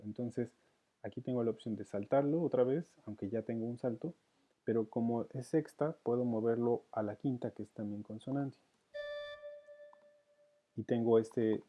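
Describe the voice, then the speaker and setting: A man teaching counterpoint, working through it aloud with hesitations. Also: medium pitch. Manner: thinks aloud with many fillers and restarts. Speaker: music teacher. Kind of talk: counterpoint lesson, thinking aloud. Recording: dull lo-fi sound.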